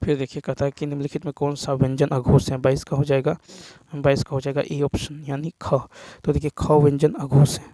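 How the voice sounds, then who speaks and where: A man teaching an exam paper walkthrough, reading each question and answer option, then explaining the rule in a steady, explanatory way. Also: a little high, fairly quick, few pauses, dry recording. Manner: steady explanatory delivery, repeats answers with "ठीक है" and "next".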